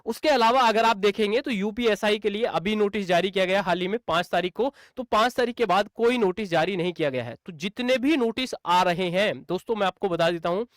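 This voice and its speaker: A high-pitched exam coaching teacher delivers an explainer video briskly, barely pausing. The sound is clean studio audio with no room sound. Repetitive in style, he fires off rhetorical questions and answers them, addressing his audience as friends and brother.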